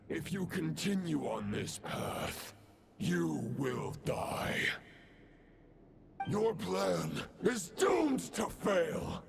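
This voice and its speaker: Gravelly, pompous fallen knight villain. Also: male voice, fairly high pitch, noisy background, heavily acted. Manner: pompous, archaic, declamatory. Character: grim, fallen knightly villain serving the Abyss, ancient, self-righteous. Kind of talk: dramatic video game voice acting. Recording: music under the voice. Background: game music.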